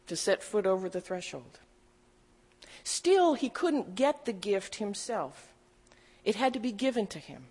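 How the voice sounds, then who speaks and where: A middle-aged woman pastor giving a sermon, telling a personal story in a gently humorous, storytelling way. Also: a little high, husky.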